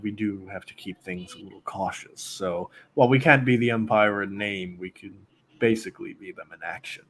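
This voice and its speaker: A man voicing a scheming male crime boss who talks in a formal, measured, courteous way. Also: fairly low pitch, a little hiss or hum, natural voice.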